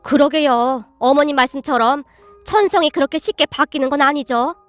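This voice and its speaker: Lady doing a meek gentle mother-in-law, soft-spoken, higher voice, storybook. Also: moderate pace, soft background music. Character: soft-hearted middle-aged mother-in-law, timid.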